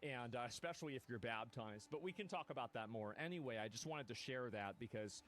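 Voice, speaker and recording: A man's voice: mid-range voice, expressive, fairly quick, fairly bright tone. A man streamer reacting to a clip on a live stream, heated and profane, repeating himself as he rants.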